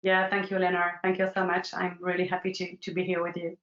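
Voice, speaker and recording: Woman guest, halting casual interview talk, echoey and muffled. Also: on the low side, completely flat delivery, fairly bright tone. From France. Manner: hesitant, many fillers. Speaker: guest, agency founder.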